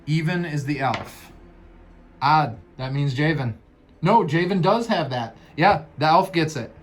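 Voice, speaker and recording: A man's voice: a little high, animated, unhurried. A man playing a solo tabletop dungeon game, reading cards aloud, counting moves and dice, and thinking aloud about the rules. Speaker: game master.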